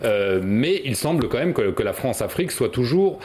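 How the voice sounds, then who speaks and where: A man's voice: mid-range voice, big pitch swings, moderate pace, a little mellow, breathy edge. A man giving news analysis as a studio journalist, hesitating and repeating words as he explains.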